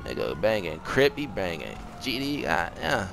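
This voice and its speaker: Gravelly young man trash-talking in game chat. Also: low-pitched, big pitch swings, a little slow, background noise. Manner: profane mocking trash talk, laughs at rivals. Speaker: gamer in online voice chat. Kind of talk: casual gaming chat.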